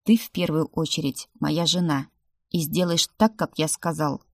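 A woman reading the lines of a stern male demon prince husband in an audiobook, speaking quietly, low and seriously. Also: steady tone, normal speed, no room sound, clean studio sound.

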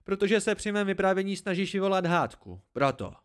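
A man voicing a sharp-tongued woman mercenary who snaps and bites back in an amateur storybook reading. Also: mid-range voice, expressive, pitched above the performer's own voice, close to an everyday voice. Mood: irritated. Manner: snappish, biting.

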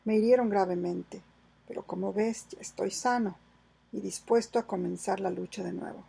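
A woman reading aloud and voicing a bold male pirate captain in a storybook adventure, firm and commanding, with a gravelly, husky voice. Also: mid-range voice, steady tone, normal speed, dark tone, heavily acted, rough recording. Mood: resolute.

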